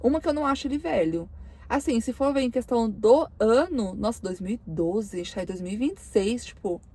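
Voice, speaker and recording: A woman's voice: on the high side, animated, fairly quick, warm tone, slightly rough. A young woman from Brazil answering viewer questions in a casual vlog, chatty and emotional, her voice choked up at times. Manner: chatty, emotional, lots of fillers and self-quoting. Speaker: car vlogger.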